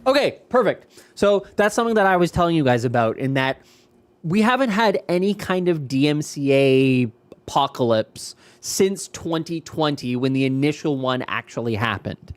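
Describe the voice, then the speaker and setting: A man's voice: fairly high pitch, lively intonation, normal speed, no room sound. Joking male live stream host. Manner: joking, incredulous, teasing.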